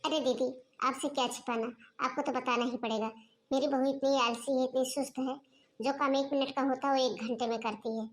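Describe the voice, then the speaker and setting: A woman's voice: high voice, steady tone, a little fast, slight background noise, natural voice. A woman voicing a bossy, scheming middle-aged mother-in-law who scolds her daughter-in-law in a cartoon. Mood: complaining. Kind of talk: cartoon dubbing.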